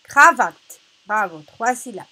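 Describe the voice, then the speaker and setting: A female teacher leading a reading lesson for children, slowly repeating words and stressing each syllable loudly. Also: fairly high pitch, animated, poor audio.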